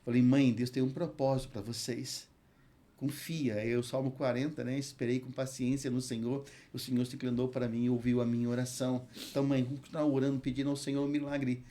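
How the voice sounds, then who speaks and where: A man with a Brazilian Portuguese accent, a hospital chaplain and pastor, tells an earnest testimony in an interview and recites scripture slowly. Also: medium pitch, flat delivery, dark tone. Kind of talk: emotional testimony in a podcast interview.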